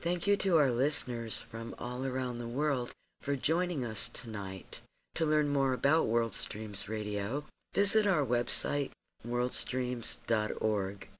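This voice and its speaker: A man as radio host, reading a measured, formal show introduction. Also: mid-range voice, expressive. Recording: slightly muffled radio audio.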